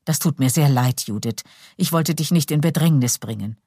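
A woman voicing a low, courteous young gentleman. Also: moderate pace, no room sound, clean studio sound. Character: young gentleman, late twenties, composed and courteous.

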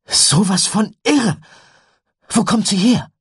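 An eager young boy, as a male narrator puts him on, squeaks high and loud. He sounds breathless with excitement. The voice stays husky and dry. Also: slow pace, no echo, exaggerated voice. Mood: excited.

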